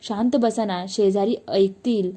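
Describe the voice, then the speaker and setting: A woman's voice: medium pitch, steady tone, measured pace, mellow, lightly acted. A woman narrator voicing a frightened young wife who pleads through tears, in a storybook telling. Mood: frightened hush. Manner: pleading, tearful.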